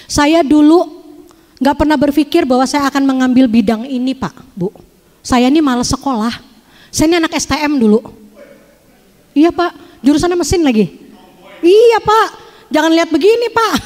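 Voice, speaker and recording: A woman gives a lively, joking testimony to an audience, speaking to them directly. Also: high voice. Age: 50s. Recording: long hall reverb.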